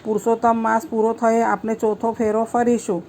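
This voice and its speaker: A woman voicing a serene divine man who speaks calmly and measuredly, in a told devotional story. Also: fairly high pitch, a little fast, slight background noise, close to an everyday voice. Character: calm divine man in meditation, a god.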